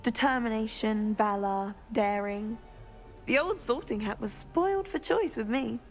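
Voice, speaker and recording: Cocky chatty young witch student in a game, highish voice, some fry. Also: a little slow, soft background music. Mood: proud, bright. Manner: self-assured, formal, chatty. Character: confident, self-admiring witty young witch student. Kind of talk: video game dialogue.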